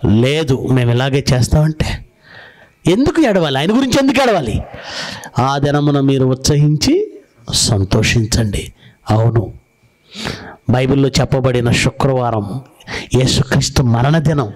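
A man's voice: medium pitch, big pitch swings, a little slow, long pauses, a little mellow. A man preaching a sermon, telling stories and asking his listeners rhetorical questions. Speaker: pastor.

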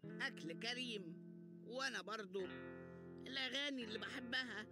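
A man's voice: very high-pitched, moderate pace. A man voicing a reproachful penguin friend in an Egyptian Arabic cartoon dub. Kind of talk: animated cartoon dub acting. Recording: loud music behind the voice.

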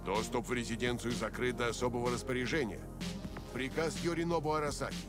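Stiff, official actor as security guard. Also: male voice, medium pitch, fairly even intonation, quick pace, natural voice. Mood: stern. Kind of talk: video game voice acting, Russian dub. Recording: loud music behind.

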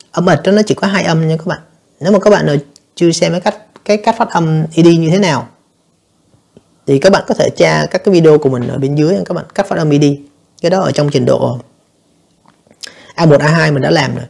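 A male teacher walks students through an exam review lesson. His voice is husky and a bit gravelly, and he speaks fast. He keeps explaining and turning to his listeners as he goes. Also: on the high side, a little mellow. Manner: explanatory, addresses students repeatedly, frequent fillers. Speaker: English teacher.

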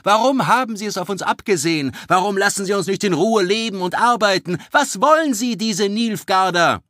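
A man voicing an upset woman who fires off high, fast questions in an audiobook. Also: expressive, a bit bright, no room sound, clean studio sound. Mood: distressed. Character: frightened, upset woman from the crowd.

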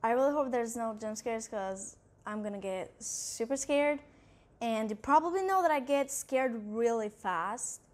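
A woman gamer talks her way through a horror game at an unhurried, drawn-out pace. Her voice sits a little high, and she sounds jumpy and uneasy as she narrates each thing she finds. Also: lively intonation, darkish tone. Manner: jumpy and nervous, keeps saying she is scared; thinks aloud, narrating what she sees. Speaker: gaming channel host. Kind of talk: let's-play commentary.

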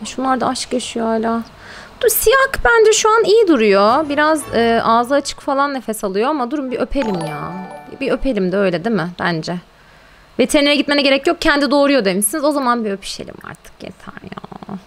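Woman gaming streamer, chatty and exclamatory, bright higher voice, faint game music behind. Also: very animated, brisk. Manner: chatty and exclamatory, coos at her pets and chats to viewers. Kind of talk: casual live-stream gameplay chat.

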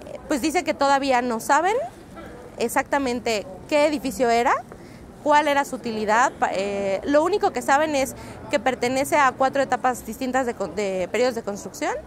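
Here a Mexican-accented reporter in her thirties talks at a moderate pace with a high-pitched voice. Standing on a busy city street for an interview, she explains things at length, fluently yet with frequent "eh" fillers, over faint street sounds.

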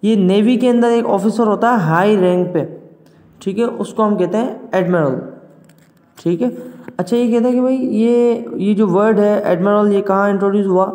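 A male teacher with a Pakistani accent reads an English text aloud slowly, then explains it at length in a classroom lecture, checking in with his students again and again. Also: sits high, darkish tone. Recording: echoey room with long reverb.

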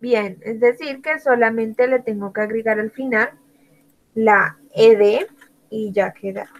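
Woman teacher, fairly high voice, unhurried delivery; spells each word aloud and calls on students by name. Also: muffled recording. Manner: slow, spells out words letter by letter. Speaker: English teacher. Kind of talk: online language lesson.

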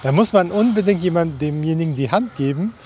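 A man in his thirties tells a friendly story during a street interview. His voice sits somewhat high. Faint street sound behind. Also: lively intonation, fairly quick, darkish tone, slight background noise. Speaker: passer-by.

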